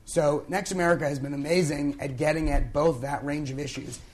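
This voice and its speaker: A hoarse young man who has lost his voice, opening a conference panel in a conversational way with many fillers. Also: fairly high pitch, steady tone, fairly quick, a little mellow. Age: young adult. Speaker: panel moderator. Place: conference event on stage.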